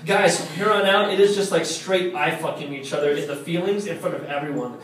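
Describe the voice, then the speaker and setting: A man reading a comic, profane book report to a live audience at a bar, sarcastic and deadpan. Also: fairly high pitch, fairly quick, a little hiss or hum. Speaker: reading host. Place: bar venue. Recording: echoey room from far off.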